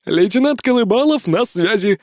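A terse male police lieutenant on duty, as the narrator voices him, raised a little in pitch and all business. The sound is close and dry. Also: expressive, normal speed, dry recording. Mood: businesslike.

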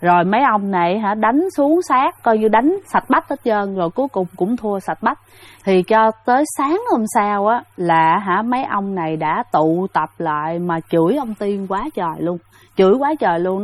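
A woman's voice: medium pitch, no room sound. A woman telling a ghost story in a chatty way, speaking straight to her listeners with many fillers. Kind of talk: casual spoken ghost story.

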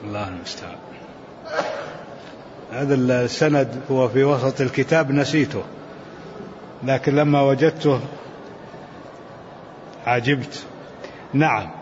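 An older man teaching a scholarly lesson, reading texts aloud and explaining them in a measured way, chanting the quotations in a lilt. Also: mid-range voice, fairly even intonation, long reverb tail. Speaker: sheikh teaching a commentary. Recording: dull, lo-fi recording with faint noise.

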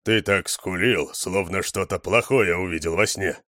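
A gruff armed man talks in a low, plain way, as the male reader voices him. His tone stays gently teasing. The reading is close and dry. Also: a little slow, dry recording. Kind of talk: audiobook reading.

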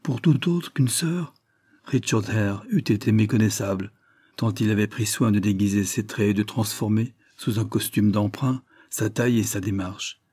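A man narrating a classic novel aloud in a measured, expressive way. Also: fairly low pitch, breathy edge, no echo, studio quality. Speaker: audiobook narrator. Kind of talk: scripted narration.

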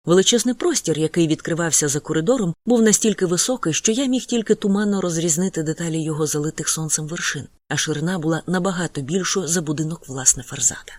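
An audiobook narrator reading a first-person novel in an even, descriptive manner. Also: medium pitch, fast talker, hardly any pauses, dry recording.

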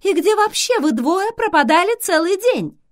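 Woman voicing a young woman, shrill, scornful, jealous, high and swooping. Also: big pitch swings, normal speed, dry recording, clean studio sound. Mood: astonished. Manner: shrill, exclaiming. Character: sharp-tongued young woman, jealous and indignant.

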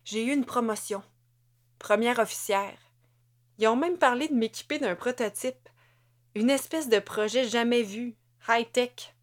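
A woman voicing a weary, battle-scarred female officer in an audiobook, speaking low and half-whispered. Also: lively intonation, slow, pauses often. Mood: brisk.

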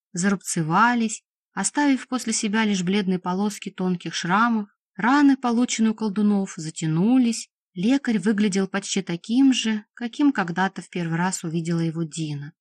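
A woman narrating a fantasy audiobook in a steady, measured storytelling voice. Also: medium pitch, no echo. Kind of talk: scripted narration.

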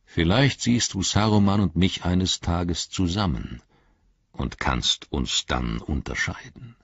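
Man reading Gandalf, a deep gravelly old wizard. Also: expressive, slow, a bit bright, no echo, lo-fi sound, full character voice. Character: old wise male wizard, wry and grave. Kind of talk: audiobook reading.

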